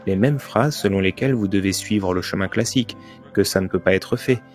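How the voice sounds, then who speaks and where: A man's voice: deep voice, fairly quick, soft background music. A man giving a dubbed first-person motivational talk, telling his story earnestly with emphatic turns. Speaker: voice-over narrator of a motivational speech.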